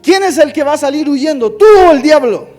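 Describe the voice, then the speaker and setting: Fervent high-voiced pastor. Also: male voice, animated, fairly quick, soft background music. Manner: emphatic, shouting, call-and-response preaching. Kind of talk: fervent sermon.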